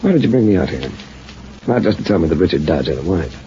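A hard-boiled private eye in an old radio drama, stern and skeptical as an inspector. His voice is low and mellow, dryly wry, on a dull, noisy vintage recording. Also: big pitch swings, quick pace. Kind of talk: old-time radio detective drama with first-person narration.

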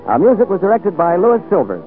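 A man announcing on a scripted 1940s radio show in a formal, measured delivery, heard as an old radio broadcast. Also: high-pitched, sing-song. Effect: old radio broadcast sound. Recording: tinny old radio broadcast, faint music.

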